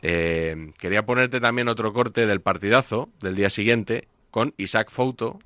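A man's voice: lowish voice, moderate pace, sharp tone, no room sound. A man hosting a casual sports talk show with wry, playful humor. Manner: wry, playful, plays clips and quizzes the assistant. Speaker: radio sports show host.

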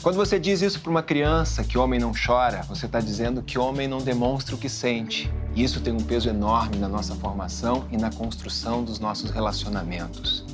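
A man co-hosting a talk show, telling personal stories in a lively way. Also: medium pitch, a little fast, few pauses, over music. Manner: lively, animated storyteller.

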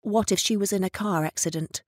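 A woman's voice: mid-range voice, brisk, no room sound, clean studio sound, close to an everyday voice. A woman voicing a confused woman in her seventies who anxiously waits for her mother, pleading and childlike. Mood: worried. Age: 70s.

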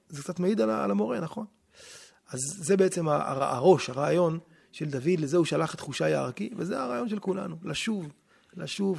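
Gravelly rabbi, animated teaching. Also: male voice, sits high. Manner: animated storytelling, acting out quoted voices. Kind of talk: teaching on scripture in a podcast conversation.

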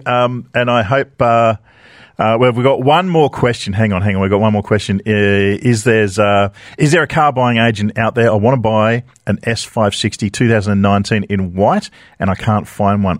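A man hosting a radio show, upbeat and quick to laugh as he reads listener questions. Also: on the low side, no echo, studio quality.

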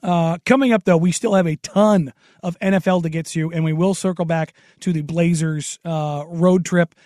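A man with an American accent and a raspy, hoarse smoker's voice, chatting casually and bluntly as a sports radio host. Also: fairly high pitch, steady tone, moderate pace, darkish tone, no echo, clean studio sound. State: hoarse from long covid. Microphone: close studio radio microphone.

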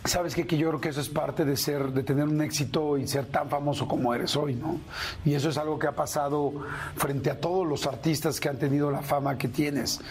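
A man's voice: fairly high pitch, steady tone, fairly quick, a little mellow. A man with a Mexican accent hosting a radio show and interviewing in a conversational way.

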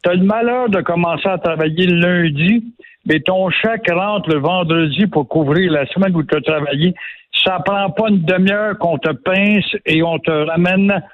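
This Quebec-accented man speaks in a high voice at a moderate pace, offering indignant, sarcastic opinions on a radio show. The audio has the quality of a phone line.

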